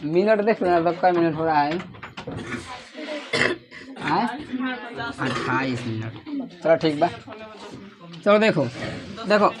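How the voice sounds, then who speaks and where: A man's voice: fairly high pitch, expressive, slow, pauses often, crowd noise. Bihari teacher quizzing his class. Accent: Bihari Hindi. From Bihar, India. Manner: calls out questions for the class to answer in chorus; raises his voice to a near shout at times. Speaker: coaching teacher. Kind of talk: classroom lecture to students. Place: classroom with students.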